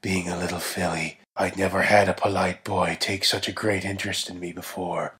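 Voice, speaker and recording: Male story narrator, low and very husky yet bright and forceful, measured dramatic read. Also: little pitch movement. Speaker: reader of a dramatic reading.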